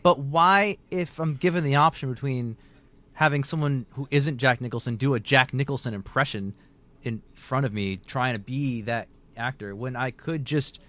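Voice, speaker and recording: A chatty man making his case in a relaxed debate. His voice sits at an everyday middle pitch, and he fills his talk with "like" and "you know.". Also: moderate pace. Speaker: author and debater. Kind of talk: casual debate.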